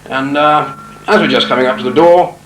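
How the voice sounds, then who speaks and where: Man, narrating, wry, deadpan jokes, fairly high voice, echoey. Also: brisk, crowd noise. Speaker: narrator of a home video. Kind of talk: jokey spoken intro.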